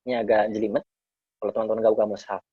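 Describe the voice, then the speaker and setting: A man gives a conversational Quran lesson and unpacks Arabic verses line by line, often repeating himself for emphasis. His voice is somewhat husky and sits dry and close. The recording is slightly dull and lo-fi. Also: lowish voice, very fast, no echo. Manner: explains Arabic verses phrase by phrase, repeating key words; addresses listeners as friends, relaxed and conversational. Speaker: Islamic teacher. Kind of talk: casual Quran study talk.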